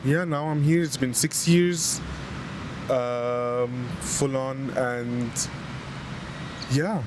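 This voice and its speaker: A man's voice: mid-range voice, fairly even intonation, drawn-out words. A man in his thirties from Lebanon, talking as an interview guest in a casual, reflective way with many hesitations, seated on an outdoor bench by the water. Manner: reflective, hesitant with fillers, earnest. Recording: outdoor street noise, passing vehicles. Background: street traffic.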